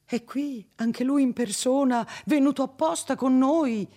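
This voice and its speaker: A man's voice: extremely high pitch, measured pace, warm tone, voice pushed up, exaggerated voice. A man voicing a timid middle-aged village priest who talks in a flustered, anxious way, in an audiobook reading.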